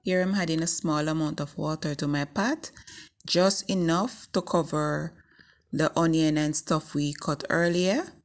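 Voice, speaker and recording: A woman with a morning voice narrating a recipe step by step in a measured, instructing way as the host of a home cooking video. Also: deep voice, steady tone. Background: faint music.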